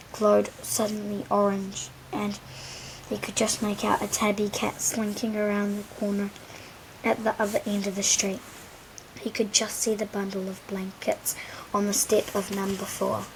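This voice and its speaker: A woman reading a children's storybook aloud in a gentle, unhurried way, dropping to a whisper at times. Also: mid-range voice, creaky, slight background noise, low-quality recording. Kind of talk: children's audiobook read-aloud.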